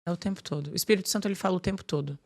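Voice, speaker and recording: A woman guest on a podcast, talking in a lively, casual way about faith and her work, often filling her speech with "tipo assim". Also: lowish voice, very fast.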